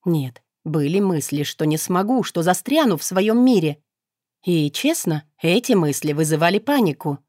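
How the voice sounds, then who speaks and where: A woman's voice: fairly low pitch, expressive, moderate pace, a little mellow, no echo. A woman reading a first-person audiobook in a wry, conversational manner, close to the mic. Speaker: audiobook narrator.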